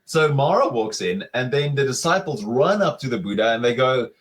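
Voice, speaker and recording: A man's voice: medium pitch, sing-song, normal speed, rough recording. Male webinar presenter, mid-range voice, loose conversational delivery full of fillers and rhetorical questions. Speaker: webinar speaker.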